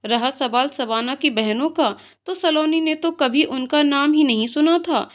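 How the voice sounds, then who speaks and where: A woman's voice: sits high, measured pace. A woman narrating a moral story in an emotional, moralizing way.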